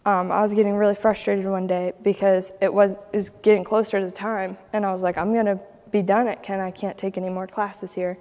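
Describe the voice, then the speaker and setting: A young woman from Ohio tells her story in a relaxed, chatty way, breaking into laughs and acting out other people's lines. Her voice sits at an ordinary middle pitch. A long reverb hangs around her words. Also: a little fast, few pauses. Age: young adult. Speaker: guest telling her story. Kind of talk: casual personal storytelling.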